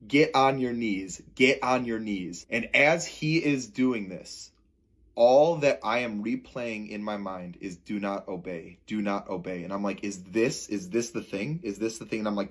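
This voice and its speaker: A young man casually telling a personal faith testimony as a vlogger, earnest and animated, with everyday slang. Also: medium pitch.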